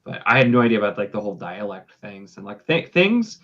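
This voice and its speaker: Male interviewer, bright lower voice, halting chatty delivery, dull lo-fi audio. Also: very animated. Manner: chatty, halting, many fillers and restarts. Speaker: interviewer, book reviewer. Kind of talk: casual interview chat.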